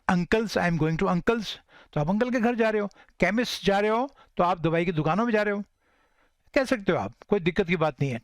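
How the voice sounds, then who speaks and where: A man teaching spoken English, mixing Hindi explanations with slow model English sentences and often checking that listeners follow. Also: high voice, no echo.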